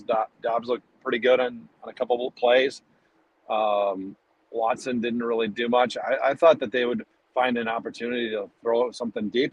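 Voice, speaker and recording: A man with a slightly husky, mid-pitched voice rambles through his football picks, restarting his sentences as he goes. He talks casually into a headset from his car, and the sound is dry and close. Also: no echo, rough recording. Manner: rambling, self-interrupting football analysis. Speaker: podcast co-host. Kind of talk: casual sports chat.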